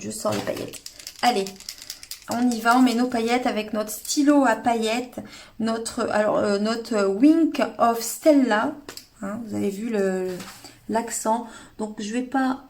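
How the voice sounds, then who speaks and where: A French woman with a fairly high, darkish-toned voice leads a live paper-craft tutorial, likely captured on a webcam or phone. She chats with viewers by name, using lots of fillers and restarting her sentences.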